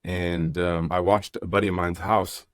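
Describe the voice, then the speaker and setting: Podcast host: young man, very deep voice, relaxed and chatty, dry close mic. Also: moderate pace, no echo. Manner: easygoing, rambling, reads chat comments aloud. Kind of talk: casual podcast conversation.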